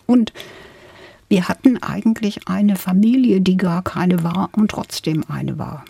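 Older woman, German, husky, reflective and measured, radio guest. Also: fairly low pitch, warm tone, no echo. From England. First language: English. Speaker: guest, literary scholar. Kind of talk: radio interview conversation.

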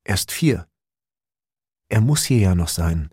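A man voicing a small boy in war ruins, speaking quietly and tiredly, read from an audiobook. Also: deep voice, expressive, takes it slowly, slightly rough, dry recording, clean studio sound, heavily acted. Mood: quiet grief. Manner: quiet, hushed.

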